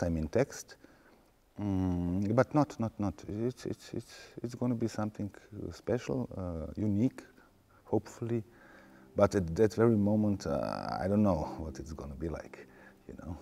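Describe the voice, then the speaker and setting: A man answering interview questions in English, haltingly and repeating words for emphasis. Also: lowish voice, expressive, dark tone. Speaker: theatre director being interviewed. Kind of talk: informal interview.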